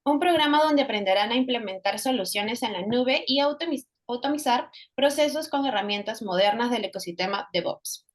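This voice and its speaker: A woman with a fairly high voice reads a formal welcome for an online event. She speaks in a polished, scripted way, as over a video call. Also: animated, moderate pace. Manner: formal, read introduction. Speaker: event host. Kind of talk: scripted announcement.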